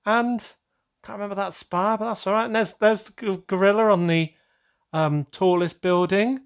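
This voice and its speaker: A man's voice: sits high, steady tone, moderate pace, smooth. A British man hosting his own channel, chatting casually and gushing with delight as he unboxes a gift, full of rambling asides. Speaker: LEGO channel host.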